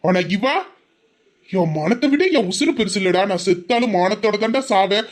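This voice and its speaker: Performer voicing obsessive young man, boastful, menacing, medium pitch. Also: normal speed, natural voice. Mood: defiant boasting. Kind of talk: audio drama acting.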